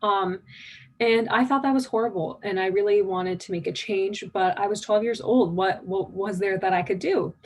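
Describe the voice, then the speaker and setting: A nineteen-year-old American woman delivers a conversational keynote at a conference, sounding eager and using lots of fillers. Her voice is mid-range, and she speaks at a moderate pace.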